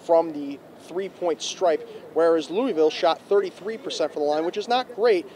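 A young man reporting a postgame recap outdoors on a handheld mic, brisk and stat-heavy. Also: a little high, a little mellow. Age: young adult. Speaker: student sports reporter. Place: outdoors in front of an arena. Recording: faint street noise outdoors.

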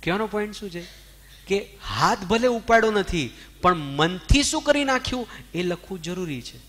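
Brief: male spiritual teacher, lively and questioning, somewhat high voice. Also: moderate pace. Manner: animated, asks the audience questions, mixes English words. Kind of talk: Jain discourse to an audience.

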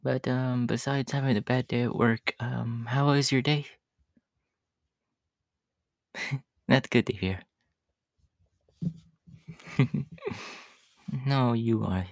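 A man voicing a shy, gentle young catboy in a soft, hesitant ASMR role-play for an audio story. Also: medium pitch, steady tone, slow, vocal fry, long pauses, no echo. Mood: bashful, grateful. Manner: hesitant, bashful, soft-spoken with nervous giggles.

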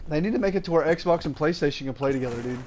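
This gaming livestreamer talks very fast in a slightly high, darkish voice with lively intonation. He chats like a frat bro, heavy on slang and swearing, and the noisy mic picks up the game audio.

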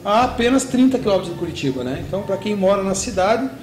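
A man's voice: sits high, fast talker, roomy sound, slight background noise. A middle-aged man from Brazil, the owner of a paragliding school, explaining steadily in an interview and tagging his sentences with "né". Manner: steady explaining with frequent "né" tag questions. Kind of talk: interview answers. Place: indoor shop room with shelves.

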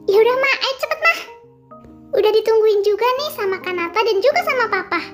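A woman's voice: extremely high pitch, lively intonation, a little fast, faint music behind. A woman voicing eager little children in a game role-play story, pleading and chattering. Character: eager little kids who found a baby.

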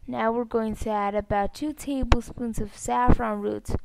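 A woman's voice: fairly high pitch, steady tone, a little slow, creaky, noisy background. A woman narrating a recipe step by step as a cooking host. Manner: plain step-by-step instructing.

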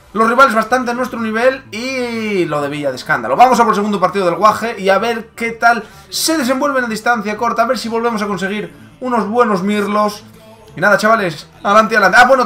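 A man with a Spain Spanish accent giving live football gameplay commentary, excitable and bursting into loud exclamations and swearing. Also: high-pitched. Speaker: gaming YouTuber.

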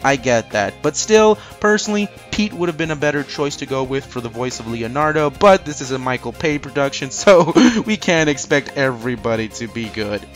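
A man's voice: on the high side, fairly bright tone. A man hosting an opinionated countdown commentary, conversational and emphatic with sarcastic asides. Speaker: movie review host. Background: music.

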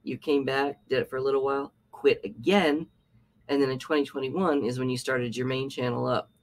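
A man's voice: mid-range voice, fairly even intonation, a little fast. A man hosting a reaction commentary, talking in a sarcastic, scolding way. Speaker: commentary channel host.

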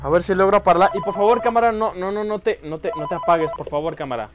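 A man giving excited horror gameplay commentary, jumpy, repeating words and crying out. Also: high-pitched, quick pace, over a noisy crowd.

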